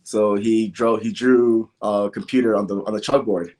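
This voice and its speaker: With a fairly low, darkish voice, steady tone, and moderate pace, a young man guests on a podcast. He was born in Nigeria, grew up in the American Midwest, and tells personal stories casually in the interview, frequently saying "like" and "you know."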